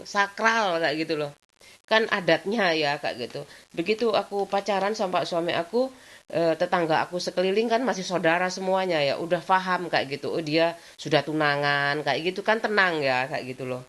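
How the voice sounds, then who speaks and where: Lady vlogging, low voice, rambly chatty storytime, keeps saying the same filler stuff. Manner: chatty, rambling, repeats filler phrases often. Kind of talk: casual personal storytelling.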